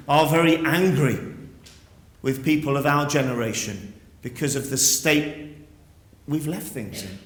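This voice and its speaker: A man, a school headmaster, giving an earnest, persuasive speech to pupils at an assembly, using rhetorical questions. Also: medium pitch. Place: school hall. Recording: echoey hall.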